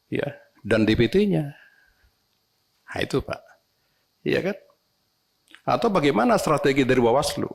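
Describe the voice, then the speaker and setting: A man, a legislator, making animated, complaining remarks to election officials at a parliamentary hearing, often ending phrases with a respectful "sir". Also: mid-range voice, vocal fry.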